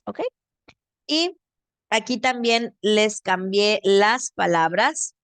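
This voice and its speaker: A Mexican woman teaches grammar over a video call, unhurried and patient, walking through each point and checking that it has landed. Her voice sits at a middling pitch. The sound is dry and close, with no room around it. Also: expressive, a bit bright, dry recording. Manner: patient, explains step by step and checks with "¿ok?". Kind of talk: online grammar lesson.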